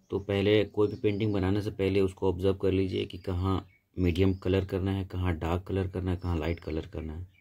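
In a voice-over painting tutorial, a male instructor with a low, warm voice explains each step patiently and steadily.

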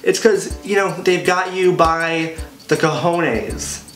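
A young man co-hosting a casual comedic chat at home, rambling with playful deadpan banter. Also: on the high side, takes it slowly, echoey room, soft background music. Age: young adult. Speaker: co-host. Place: home kitchen, indoors.

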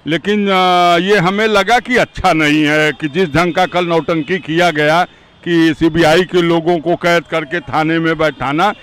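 A man on a city street giving a careful, measured opinion while steering clear of politics. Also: on the high side, fairly even intonation, a bit bright. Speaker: passerby interviewee. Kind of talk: street interview answer.

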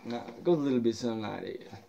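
A man's voice: medium pitch, quick pace, gravelly, muffled recording, slight background noise. A man introducing his own song in an offhand, rambling, self-deprecating way, as a singer-songwriter. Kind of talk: casual spoken intro between songs. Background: loud acoustic guitar playing.

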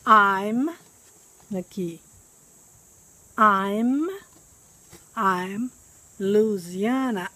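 A woman from Brazil teaching an English lesson outdoors, patiently repeating words slowly to drill pronunciation. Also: a little high, a bit bright, dry recording, low-quality recording. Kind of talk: recorded language lesson.

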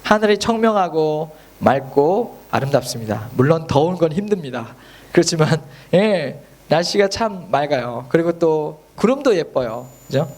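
Male pastor preaching a sermon. His voice is bright and high for a man and swings widely in pitch. He sounds earnest and emphatic and keeps asking the congregation rhetorical questions. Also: lively intonation, normal speed.

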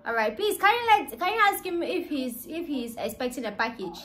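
This young woman's high, sing-song voice moves briskly, and a little hiss or hum can be heard. In her twenties and Ghanaian-accented, she's a vlogger making a prank call as a delivery service from a small living room. She holds the phone mic at arm's length and keeps up a polite, insistent customer-service tone.

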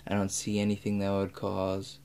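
In a small indoor room, with a steady hum clearly audible in the background, a low-voiced man in his twenties does an ASMR role play as a doctor giving an examination. He speaks softly, calmly and in a measured way, instructing the listener one step at a time.

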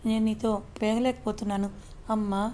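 A woman storyteller voicing a teasing, gruff young husband in an audio story. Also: medium pitch, level tone, brisk, dark tone, a little hiss or hum, lightly acted. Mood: teasing scold. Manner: scolding, teasing.

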